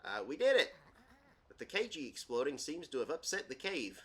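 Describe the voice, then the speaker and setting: A man's voice: a little high, sing-song, normal speed, a bit bright, voice pushed up. A man doing a goofy pompous talking book. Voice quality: goofy cartoonish voice.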